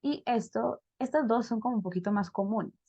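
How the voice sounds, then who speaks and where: A woman's voice: fairly high pitch, moderate pace, warm tone, husky, no echo, muffled recording. A woman teaching a pronunciation class over a video call, explaining step by step and checking in with her students. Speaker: English teacher.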